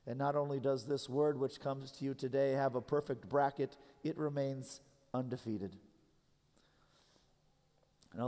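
30s guy pastor preaching, earnest, leans hard on slow words, big church echo. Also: mid-range voice, a little mellow. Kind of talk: sermon. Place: large church sanctuary. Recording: long hall reverb from a church sanctuary.

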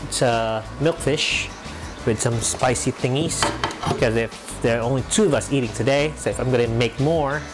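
Over background music, a young Filipino vlogger with a medium-pitched voice chats casually to the camera at a moderate pace while cooking in his home kitchen. He speaks with a Filipino accent and tosses in joking asides.

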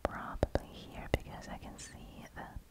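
Slow, whispering woman doing ASMR game commentary. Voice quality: soft, breathy whisper. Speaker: gamer narrating gameplay. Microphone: close-up microphone.

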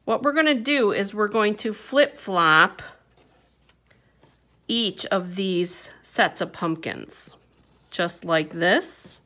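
A woman's voice: mid-range voice, lively intonation, slow, pushed and bright. A woman teaching a papercraft project at her desk, chatting casually through each step with fillers and little hums. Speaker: papercraft instructor. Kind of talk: hands-on craft tutorial. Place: indoor craft table.

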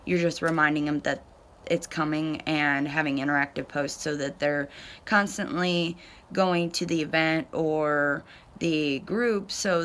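A woman's voice: low-pitched, a bit bright. A woman in her thirties giving a casual, matter-of-fact tutorial to camera, recorded on a phone on a covered porch. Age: 30s. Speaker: direct sales consultant giving a tutorial. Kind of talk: casual explanatory talk to camera. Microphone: phone at arm's length or propped close. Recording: faint outdoor background noise.

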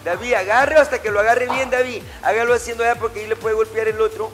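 A middle-aged martial arts instructor with an extremely high pitch and fairly even intonation speaks at a quick pace while music plays in the background. In an indoor gym with a matted floor, he calls out drills to his class, repeating short, commanding orders and corrections.

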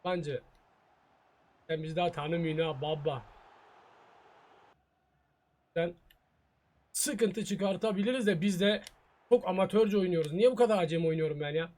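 A man's voice: high-pitched, a little fast, long pauses, darkish tone. A gaming YouTuber reacting to his own soccer video game match, muttering in frustration and taunting his opponent. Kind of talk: live gameplay commentary.

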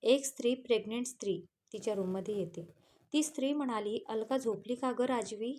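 A woman with a Marathi accent reads a romance story aloud in a fairly high voice. She speaks every character's lines in her own voice, with simple "he said, she said" tags between them. The delivery stays steady storytelling throughout. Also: a little fast.

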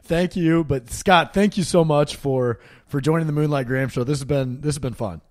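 A man's voice: on the high side, moderate pace, a little mellow, no echo, clean studio sound. A man hosting a podcast, asking questions in a friendly way. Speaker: podcast host. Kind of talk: casual interview talk.

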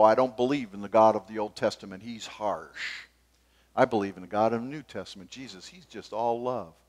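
An older man preaching a sermon from a church pulpit, gesturing as he moves between forceful emphasis and sudden quiet asides. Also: medium pitch. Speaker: pastor. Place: church stage behind a wooden pulpit.

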